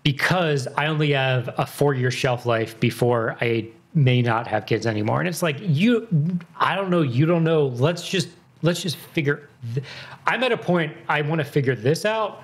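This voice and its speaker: A man's voice: mid-range voice, animated, normal speed. A man in his thirties chatting casually, rambling and correcting himself mid-sentence, with frequent swearing. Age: 30s. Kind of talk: casual chat.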